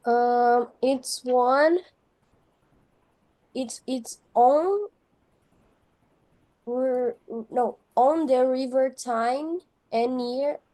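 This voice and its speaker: A woman's voice: high-pitched, drawn-out words, pauses often, warm tone, poor audio. A woman student, answering English exercises hesitantly with fillers and restarts.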